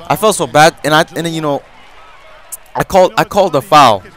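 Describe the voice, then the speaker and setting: A man's voice: fairly high pitch, a little fast, a bit bright. A young man telling a rambling story in a casual vlog, with lots of restarts and a sore throat, as a gaming YouTuber.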